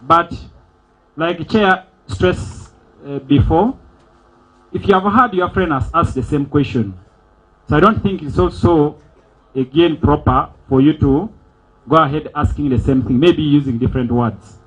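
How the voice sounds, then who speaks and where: A man's voice: a little high, unhurried, slightly rough. A man acting as master of ceremonies at a members' meeting, giving repetitive, emphatic instructions to the audience through a PA microphone. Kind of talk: formal announcements to an audience. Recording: dull lo-fi event recording.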